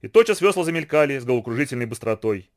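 A man narrating an adventure storybook as an animated, dramatic audiobook reading. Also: medium pitch, rapid-fire. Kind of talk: scripted narration.

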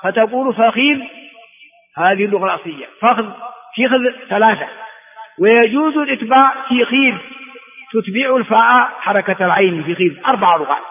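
A man from Ethiopia, a religious scholar teaching a class, who repeats words for his students and asks them quick rhetorical questions. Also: high-pitched, lively intonation. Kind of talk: classroom lecture explaining a text. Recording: phone-like sound with long hall reverb.

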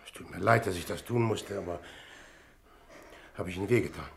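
A low-pitched male actor voices a calm, polite investigator in a German radio crime drama, speaking in a gravelly, measured way. The mood here is gentle and apologetic.

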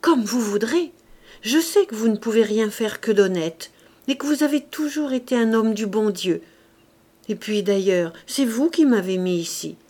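A woman reading aloud, voicing an old male gardener in a raised, lively, exclaiming voice. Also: a little high, normal speed. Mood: devoted. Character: spry old male gardener, eager and devoted.

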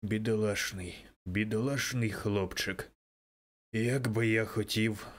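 A man's voice: on the low side, lively intonation, fast talker, natural voice. A man voicing a sentimental old miser. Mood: wistful. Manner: exclamatory, swinging to tearful murmurs. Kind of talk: audiobook character voice.

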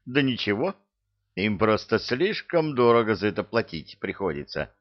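Grumpy sarcastic cook, read by a man, blunt grumbling, low voice, dull lo-fi sound. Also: sing-song, normal speed.

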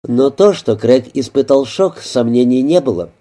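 A man reads a novel aloud in scripted narration, measured and even. His voice sits at a middle pitch with a very dark, mellow tone. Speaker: audiobook narrator.

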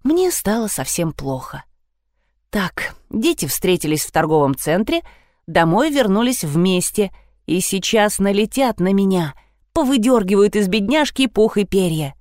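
A woman narrating a comic novel with a wry, animated delivery. Her pitch swings widely as she tells it, and the sound is close and completely dry. Her pitch sits at a medium level for a woman. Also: measured pace, no room sound. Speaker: audiobook narrator. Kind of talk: expressive narration of an ironic novel.

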